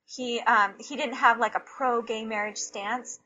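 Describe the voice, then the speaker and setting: Bright-voiced woman, candid and halting. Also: fairly high pitch, fairly even intonation. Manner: candid, emotional, halting retelling. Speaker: podcast guest. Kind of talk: personal storytelling interview. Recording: slightly dull lo-fi recording with faint hiss.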